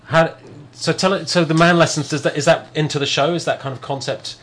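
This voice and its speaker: In a casual interview chat, the host speaks in a steady, somewhat high and slightly bright voice, going a little fast. He asks rambling, probing questions, restarting often and circling back as he goes. There is slight background noise.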